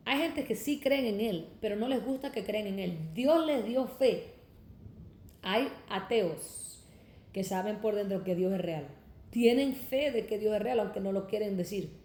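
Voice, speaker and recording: A fervent young woman from Cuba preaches her testimony, often calling her listeners brothers. Her voice is mellow and warm. It rings a little off the walls of an echoey room. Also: medium pitch, slight background noise.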